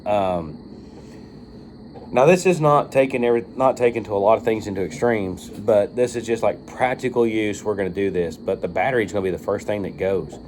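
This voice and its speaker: A guy who reviews firearm optics chats informally to the camera, rambling and swearing a bit without a script. His voice is on the low side, a little mellow and fairly quick, over a faint hiss or hum.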